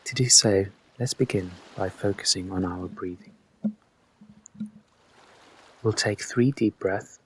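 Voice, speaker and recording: A man guides a meditation, giving unhurried instructions in a soft, breathy voice that sounds gentle and reassuring to the listener. His pitch sits on the low side, and the rough recording carries a slight hiss or hum.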